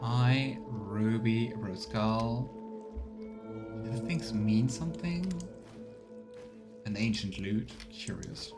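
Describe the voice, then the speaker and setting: A streamer playing a fantasy role-playing game speaks in a fairly low male voice, slowly and with frequent pauses. His let's play commentary is casual, and he thinks aloud and murmurs to himself over game music.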